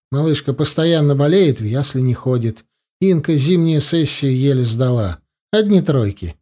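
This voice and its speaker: A man voicing a blunt, sharp-tongued older grandmother who answers curtly and matter-of-factly in an audiobook. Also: fairly high pitch. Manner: curt, matter-of-fact answers. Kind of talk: audiobook character voice.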